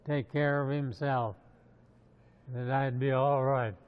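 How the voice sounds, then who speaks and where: A man's voice: mid-range voice, fairly even intonation, slow pace, clean tone. An American man in his nineties, a war veteran from Montana, reflectively recalling his past in an interview. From Montana, USA. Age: 90s. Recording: slightly dull interview sound.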